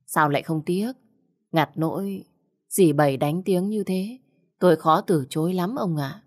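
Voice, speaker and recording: A woman voicing a sharp-tongued, jealous middle-aged wife in a storybook reading. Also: unhurried. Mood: reluctant. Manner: shrill, accusing.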